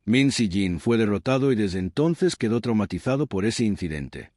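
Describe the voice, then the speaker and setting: A man narrating a scripted story recap in a measured, dramatic storytelling manner. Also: lowish voice, sing-song, darkish tone, no room sound, studio quality.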